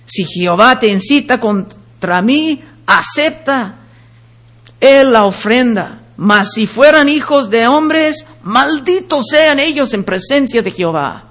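A man preaching a sermon, reading scripture slowly and with emphasis, then explaining it in plain words. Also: very high-pitched, animated, fairly bright tone. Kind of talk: sermon, Bible reading with commentary.

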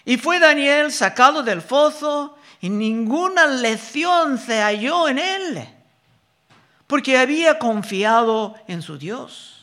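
A man preaching a sermon, reading Bible verses slowly and deliberately and explaining them. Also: very high voice, expressive, sharp tone.

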